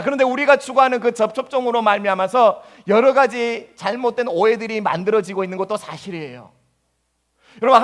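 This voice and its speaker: A male pastor preaching a sermon in a church, acting out anguished prayers in a voice that jumps higher. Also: fairly bright tone. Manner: acts out anguished prayers in a high voice. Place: church sanctuary.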